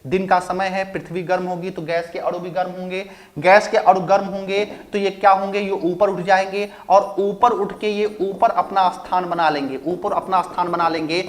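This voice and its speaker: A man's voice: high voice, flat delivery, normal speed. A male physics teacher giving a recorded lecture, asking rhetorical questions, answering them himself and repeating key phrases.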